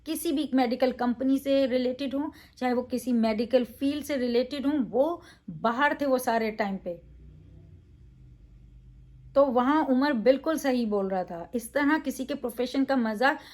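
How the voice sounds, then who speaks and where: A woman's voice: high voice, darkish tone. A woman reviewing a reality show in a casual, opinionated way, emphatic, with frequent fillers.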